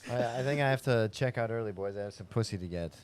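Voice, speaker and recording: A man who is a regular on a comedy podcast, talking in a halting, hesitant, deadpan way. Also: medium pitch. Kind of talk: casual comedic banter.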